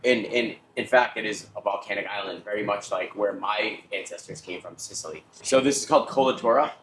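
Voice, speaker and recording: A middle-aged American man, a chef, explaining his cooking in a casual, halting conversational way. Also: fairly low pitch, a bit bright, a little hiss or hum. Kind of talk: casual cooking demonstration and chat. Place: restaurant kitchen. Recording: echoey kitchen room sound.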